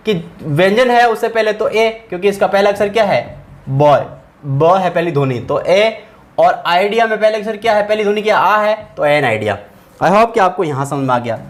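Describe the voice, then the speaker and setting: High-voiced man teaching a grammar lesson. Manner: patient, asks questions and answers them himself. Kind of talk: explaining English grammar to students.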